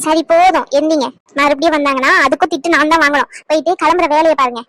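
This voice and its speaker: A woman's voice: high voice, steady tone, fast, fairly bright tone, no echo. A woman voicing a young wife in a cartoon drama, pleading and bitterly reproachful toward her husband. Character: young wife, hurt and fed up.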